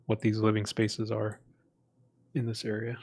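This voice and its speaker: A man's voice: fairly low pitch, monotone, a little slow, darkish tone, slightly rough. A man co-hosting a casual chat, easygoing and full of suggestions. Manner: easygoing, offers ideas and suggestions. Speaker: podcast co-host.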